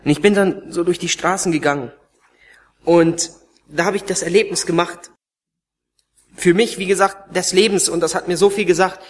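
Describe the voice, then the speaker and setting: Impassioned preacher, rising and hushing. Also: male voice, sits high, fairly even intonation, moderate pace, long pauses. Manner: emotional, swinging between raised pleading and hushed near-whispers. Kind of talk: sermon testimony.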